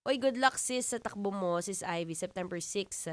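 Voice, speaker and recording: A young woman with a Filipino accent hosts a live radio show in a deep, low-set voice. She banters playfully with her listeners. The studio sound is close and dry. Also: normal speed, no room sound. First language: Tagalog. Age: 20s. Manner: playful, teasing, laughs often. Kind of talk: live radio chat reading comments.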